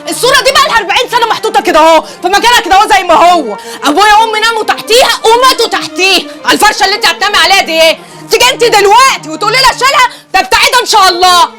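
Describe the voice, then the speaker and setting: An actress playing a loud, quick-tempered working-class woman from a Cairo alley, with an Egyptian accent, who shouts folksy insults. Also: very high-pitched, expressive. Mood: scolding. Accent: Egyptian Arabic, Cairo popular. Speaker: actress in a TV comedy series. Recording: TV drama audio with loud music.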